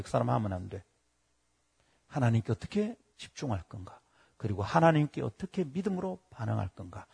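A man's voice: on the high side, gravelly, slightly rough. A middle-aged male pastor, preaching a sermon and telling stories, acting out the people he quotes. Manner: lively storytelling, acting out quoted voices.

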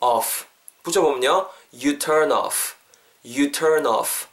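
A young man hosting a podcast English lesson, explaining phrases and then repeating them slowly for listeners to drill. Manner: lively, upbeat coaxing with sudden pitch lifts. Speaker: English teacher podcast host.

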